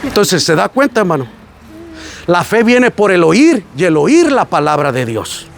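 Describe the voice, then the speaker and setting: A man's voice: high voice, unhurried, creaky, a little hiss or hum. A man with a Mexican Spanish accent, preaching a sermon on a site visit and telling stories that act out the voices he quotes. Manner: animated storytelling, acting out quoted voices. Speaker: pastor.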